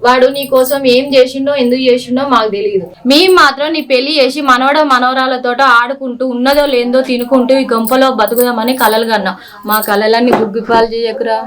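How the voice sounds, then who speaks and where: A woman's voice: on the high side, fairly even intonation, a little fast, a bit bright, lightly acted. A woman, playing a village mother who scolds her son in a reproachful way. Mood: scolding. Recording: distant with noise.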